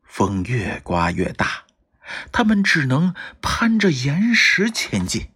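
Breathy storyteller reading a children's story. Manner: slow, gentle, lively pitch with voiced characters.

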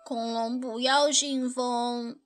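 A woman voicing an excited little boy dressed as a dinosaur in a storybook, talking high and eager. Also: slow pace, soft background music. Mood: sulky.

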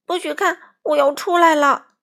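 A woman voicing a small, scared young male frog who cries out and pleads in a shrill voice. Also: fairly even intonation, slow pace, fairly bright tone. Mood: shrill insistent.

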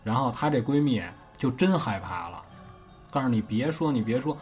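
A man's voice: medium pitch, animated, normal speed, a little mellow, soft background music. A man with a Beijing accent casually telling a ghost story as host, swearing offhandedly and often checking that the listener follows.

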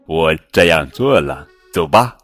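A man's voice: rumbling low, animated, a little slow, faint music behind. A man doing a teasing prankster elephant. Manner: chuckling, teasing. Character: playful prankster elephant cousin.

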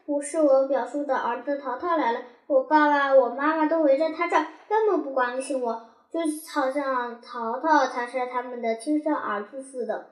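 A woman's voice: high voice, normal speed, few pauses, lightly acted. Woman voicing a sulky, tearful little girl. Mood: aggrieved. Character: upset little girl feeling unloved by her parents. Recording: roomy echo.

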